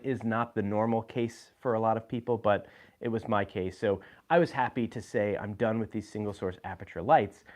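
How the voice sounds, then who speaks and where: A man hosting a live video, talking casually about his gear, with frequent fillers and restarts. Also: medium pitch. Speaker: host. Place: indoor room with lights.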